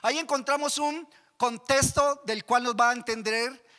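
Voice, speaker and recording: A Colombian-accented man preaches a sermon as pastor, repeatedly putting questions to his congregation in a church hall whose reverb fills the recording. His voice is very high-pitched, bright and forceful, holding a steady tone at a moderate pace.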